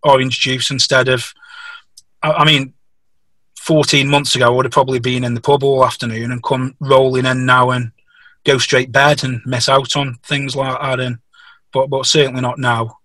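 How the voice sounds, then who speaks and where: Bright-voiced man with a Stoke Potteries accent. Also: mid-range voice, flat delivery, moderate pace, dry recording. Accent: Stoke-on-Trent Potteries. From Stoke-on-Trent, England. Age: middle-aged. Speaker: podcast guest, police officer. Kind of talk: casual personal interview. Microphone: remote call.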